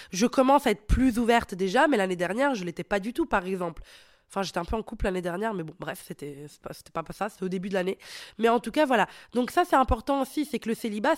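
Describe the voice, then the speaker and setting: A woman's voice: medium pitch, no echo, studio quality. A young woman hosting a casual advice podcast, blunt and playful, swearing freely and talking straight to the listener, a little sick, on a headset mic. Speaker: podcast host.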